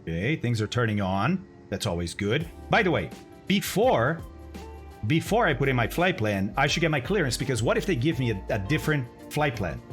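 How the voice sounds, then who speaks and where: A man's voice: medium pitch, big pitch swings, moderate pace, a bit bright, faint music behind. A man streaming a flight simulator, chatting casually with viewers, thinking aloud and laughing often. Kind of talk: casual live-stream chat.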